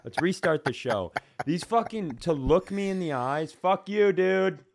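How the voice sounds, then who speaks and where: An American man co-hosts a comedy podcast, chatting and telling stories in a wry, casually profane way. His voice sits high and is creaky and expressive at a measured pace, captured in a dry, studio-quality recording.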